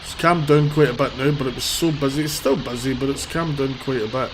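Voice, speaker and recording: With music and loud traffic in the background, a man livestreams blunt, rambling commentary on a handheld phone from a city street. His mid-range voice keeps fairly even intonation at a fairly quick pace, and he sniffles a little from a cold.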